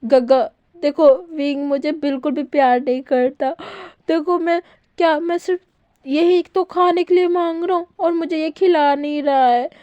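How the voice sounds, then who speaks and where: A petulant young man who whines and snaps for what he wants, put on by a woman storyteller. He sits higher and louder than the narration, with a mellow tone underneath, a fan-fiction retelling told close and dry. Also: fairly quick, hardly any pauses, no echo, dull audio, natural voice. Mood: whiny. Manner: whiny, petulant, shouting. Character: moody, demanding pregnant young man.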